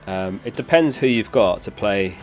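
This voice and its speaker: This streamer host is a young man with a lowish, expressive voice who speaks at a moderate pace while music plays faintly behind him. He's recovering from a lost voice as he chats casually and responds to chat's questions on his live stream.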